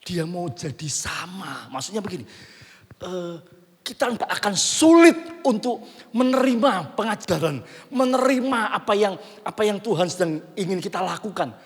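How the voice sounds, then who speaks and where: Animated Javanese preacher in a reverberant hall. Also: male voice, sits high, moderate pace, husky. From Central Java, Indonesia. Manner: animated storytelling, acting out his own inner dialogue. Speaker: pastor. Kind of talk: sermon. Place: church hall.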